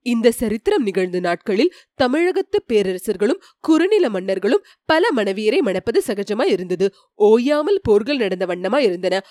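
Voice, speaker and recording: A woman narrating a historical novel as an audiobook, in a formal, expressive storytelling manner. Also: on the high side, no echo, studio quality.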